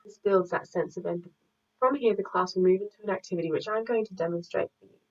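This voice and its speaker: A woman's voice: on the low side, distant mic. Woman presenting a drama lesson. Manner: measured, explanatory, reads from a script. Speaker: student teacher presenting a lesson. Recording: muffled audio, speaker away from mic.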